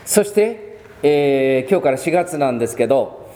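A man's voice: mid-range voice, expressive, warm tone. Man preaching a sermon in a church hall. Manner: measured, with many pauses and fillers. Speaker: pastor. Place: church sanctuary. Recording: long church reverb.

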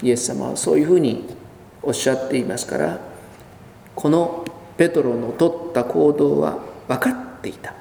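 A man preaching a sermon as pastor, telling the story with lively emphasis, drawing out key words and acting out quoted lines. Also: medium pitch, moderate pace, creaky, slight background noise. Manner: animated storytelling, acts out quoted speech. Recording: echoey hall with long reverb.

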